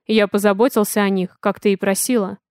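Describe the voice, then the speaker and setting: A calm, protective alien man at the helm of his ship, as a woman reads him out in an audiobook. His voice is smooth and clear, and he holds it level, with barely any rise or fall. He sounds dry and close, steady and reassuring. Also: medium pitch, normal speed, no room sound, close to an everyday voice. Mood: calm, gentle. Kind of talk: audiobook character voice.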